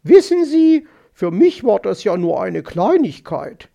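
A man voicing a haughty, quarrelsome female magpie in an audiobook, shrill and snappish. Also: very animated, unhurried, gravelly, warm tone, full character voice. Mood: boastful. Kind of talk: audiobook character voice.

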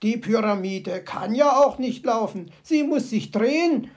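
A woman's voice: fairly high pitch, animated, measured pace, darkish tone. A woman voicing a grumpy, sardonic male fox in a storybook audio play, grumbling and dryly sarcastic.

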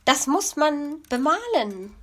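Brief: bright, childlike little hedgehog boy, played by a woman, high and lively. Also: takes it slowly, full character voice. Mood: cheeky. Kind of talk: storybook reading.

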